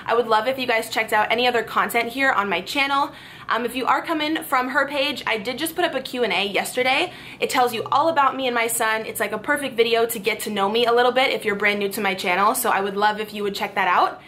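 A woman's voice: fairly high pitch, quick pace, bright, forceful tone, slight background noise. A woman in her twenties talking casually to camera as a lifestyle vlogger, upbeat and chatty with lots of ums and likes. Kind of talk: voice-over cooking tutorial. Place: bedroom with clothes rack behind. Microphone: camera framed from the waist up.

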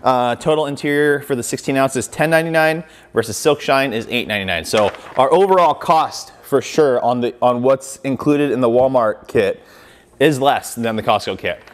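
A man's voice: medium pitch, normal speed. Casual man reviewing car wash kits. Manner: conversational, filler-heavy, demonstrative with hands. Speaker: car detailing channel host. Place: indoor garage workshop with shelves of products.

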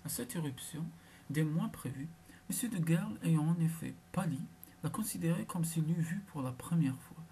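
A woman narrating a classic literary short story in a hushed, half-whispered manner. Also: deep voice, normal speed, slightly rough. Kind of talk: literary audiobook reading.

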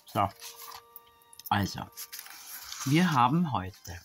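A woman's voice: a bass voice, sing-song, drawn-out words. A woman opening an advent calendar gift, musing to herself and reading labels aloud, often half-whispered. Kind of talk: casual unboxing chat. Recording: soft background music.

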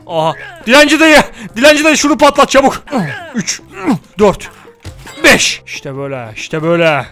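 An excitable young man gives running commentary on a game, addressing his viewers and cursing at things on screen for fun. His voice sits high, and he rattles along at a quick clip. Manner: excitable, swears jokingly, talks to viewers. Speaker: gaming video creator.

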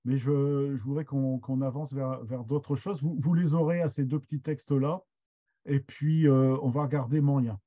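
A man's voice: medium pitch, steady tone, normal speed, dark tone, dull audio. A middle-aged man teaching an online master class, hesitant and full of restarts. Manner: hesitant, many restarts and fillers. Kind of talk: online lesson, loose explanation.

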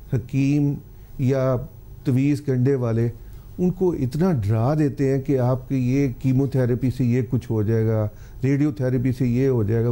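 A man's voice: medium pitch, dark tone. An older man, a cancer specialist on a TV health talk show, giving earnest, pleading advice to the public. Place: TV studio.

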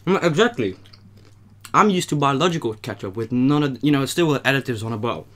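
A man's voice: mid-range voice, expressive, fast, a bit bright. A young man hosting a casual eating video in an attic, talking in a slangy, laid-back way between bites. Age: young adult. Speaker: host. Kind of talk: casual mukbang chat. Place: small warm attic room, indoors.

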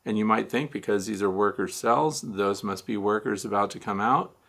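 A man in his sixties hosts a beekeeping question show from an indoor home studio with a neon sign, talking casually to camera. His voice is fairly low, gravelly and fairly bright, and he explains things step by step, posing questions and then answering them himself.

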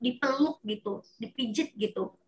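A woman's voice: on the high side, normal speed. A woman therapist explaining step by step to a parent, often acting out what a child would say. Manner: explains with acted child quotes, animated. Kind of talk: consulting conversation.

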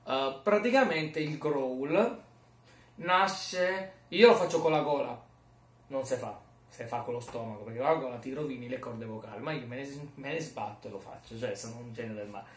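A man's voice: mid-range voice, moderate pace. A man vlogging in a rambling, jokey, self-mocking casual chat. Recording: roomy echo, mic far off.

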